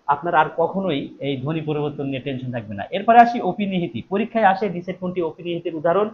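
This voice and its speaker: High-pitched guy teaching an exam class live online, drills the same question over and over, muffled audio with a bit of hiss. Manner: repeats questions and answers them himself, drilling; animated, stressing key words louder. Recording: dull lo-fi stream audio with faint noise.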